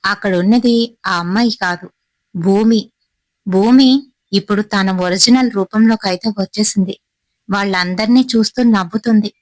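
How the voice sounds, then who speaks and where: A woman narrates a horror tale at a dramatic, unhurried pace. Her voice sits in a middle pitch. The recording is close and dry with no room sound. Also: no echo, poor audio. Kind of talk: storytelling narration.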